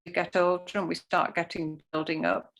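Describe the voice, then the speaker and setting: A woman's voice: on the low side, flat delivery, moderate pace, a bit bright, low-quality recording. A woman who teaches Ayurveda, explaining things earnestly with plenty of fillers during a talk over a video call. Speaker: Ayurveda educator.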